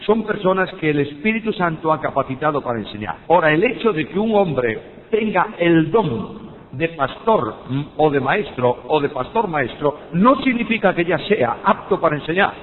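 An older man with a Spaniard's accent, a Bible teacher, gives a very animated, moderately paced lesson on preaching, weaving in personal anecdotes. He speaks emphatically and throws rhetorical questions at his listeners. The audio is tinny and phone-like, with a long hall reverb and a faint rumble.

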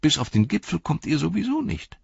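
A man voicing the gloomy, mocking inner voice of a male hobbit in an audiobook, scornful and discouraging, pitched well above his own voice. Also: wildly swooping pitch, a little fast, gravelly, husky, no room sound, lo-fi sound, heavily acted.

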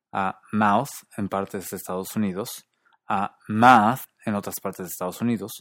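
Low-voiced man explaining accents. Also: no room sound, studio quality. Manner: measured, demonstrates English vowel sounds in different accents. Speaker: host of a linguistics video series. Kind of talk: scripted educational narration.

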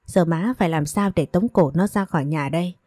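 A woman's voice: fairly low pitch, brisk, mellow, no echo, clean studio sound, natural voice. A woman voicing a bitter, domineering older mother who scolds and wails in self-pity. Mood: weary.

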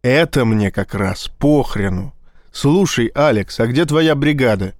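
A man's voice: medium pitch, expressive, a little slow, no echo, clean studio sound, natural voice. A man doing a hot-tempered, cursing police admiral. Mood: agitated. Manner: loud, agitated, cursing outbursts.

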